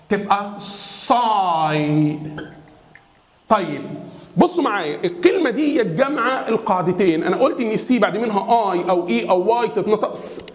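A man with an Egyptian Arabic accent teaching English pronunciation in a classroom style. He keeps asking questions for the viewer to answer and slows down to spell words out. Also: high voice, reverberant. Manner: repeats questions and has the viewer answer back.

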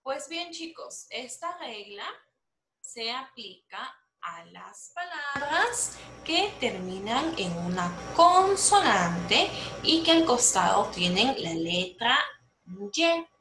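A young adult woman teaching English to young children, explaining slowly and patiently, repeating herself and checking they follow, lively and encouraging. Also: a little high, a little hiss or hum. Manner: slow, patient explaining with lots of repetition and check-ins. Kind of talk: online lesson for young children. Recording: roomy echo.

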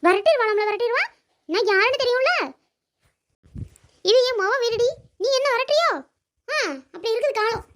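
A woman voicing a sharp-tongued, stubborn old grandmother in a cartoon, with a Kanyakumari Tamil accent and a scolding, mocking way of talking. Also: very high voice, moderate pace, long pauses. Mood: grumbling. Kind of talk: cartoon voice acting.

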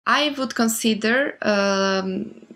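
A 26-year-old woman from Albania giving a calm, deliberate statement as a course participant. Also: mid-range voice. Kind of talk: self-recorded video statement. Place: room with bookshelves. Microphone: webcam.

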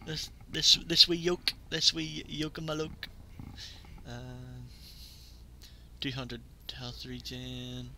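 A man giving live gameplay commentary, excitable and laughing often, getting loud when excited. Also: mid-range voice, a little hiss or hum. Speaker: gaming YouTuber.

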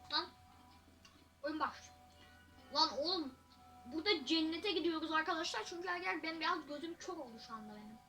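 Excitable teen girl playing a game. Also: extremely high pitch, a little fast, long pauses, faint music behind. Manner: excitable, loud outbursts, joking. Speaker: gaming YouTuber. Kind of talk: casual gameplay commentary.

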